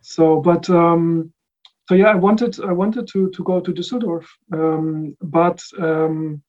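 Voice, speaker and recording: A man from the Netherlands answers questions in relaxed conversation, pausing often with fillers and restarting his sentences. His voice sits a little high for a man but sounds mellow and warm. The audio is slightly dull, like a lo-fi recording. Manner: thoughtful, many fillers and restarts. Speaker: recording engineer guest. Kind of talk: casual interview answers.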